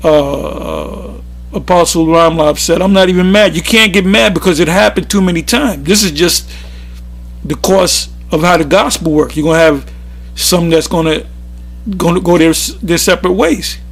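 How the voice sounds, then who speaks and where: A man's voice: a little high, moderate pace, creaky. A man giving an informal, rambling sermon, often restarting his sentences. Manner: rambling, with frequent restarts and fillers. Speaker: religious teacher.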